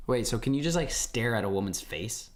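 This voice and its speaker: A man's voice: medium pitch, expressive, fairly quick. A young man hosting a livestream, chatting casually and playfully with his viewers, rambling through questions and answering messages. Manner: rambling, playful, talks to chat. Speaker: livestream host.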